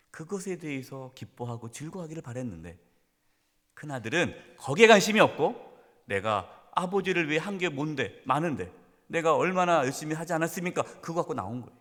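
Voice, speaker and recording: A middle-aged man, a pastor, preaching a sermon in a church. He swings between loud, emphatic questions and hushed, near-whispered lines. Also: mid-range voice. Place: church sanctuary. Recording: long church hall reverb.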